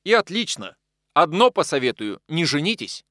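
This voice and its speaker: A man's voice: fairly high pitch, sing-song, moderate pace, fairly bright tone, dry recording, studio quality, voice pushed up. A man reading an audiobook and voicing a nervous, bitter man who speaks in a raised, strained voice. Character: agitated bitter man in dressing gown.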